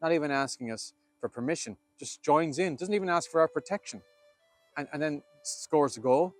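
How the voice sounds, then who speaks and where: A man's voice: on the high side, normal speed, soft background music, lightly acted. An Irish man voicing affronted, flustered apprentice warrior boys in a told myth. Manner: agitated.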